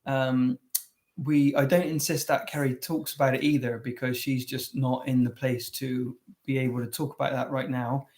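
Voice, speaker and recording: A man co-hosting a relaxed teaching talk on relationships, earnest and conversational, often restarting his sentences. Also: mid-range voice, moderate pace. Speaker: co-host. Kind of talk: casual teaching chat.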